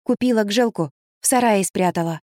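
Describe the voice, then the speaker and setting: A woman's voice: normal speed, mellow, no room sound, clean studio sound, natural voice. A woman reading an audiobook, voicing a frightened little girl who pleads through tears. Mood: tearful. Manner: sobbing, pleading, rising high.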